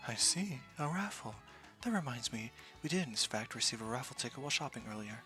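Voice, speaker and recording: A man's voice: mid-range voice, animated, fairly quick, bright, forceful tone, faint music behind. A man voicing a wry, curious young woman scientist in a game, with wordy, clinical musing. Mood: teasing curiosity.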